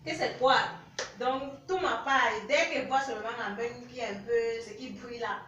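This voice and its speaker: A woman's voice: on the high side, normal speed, distant mic, dull audio, background noise, natural voice. A woman acting a flighty young woman drawn to married men in a comedy sketch, rambling and pleading and dodging questions. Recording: roomy echo, voice a bit off-mic.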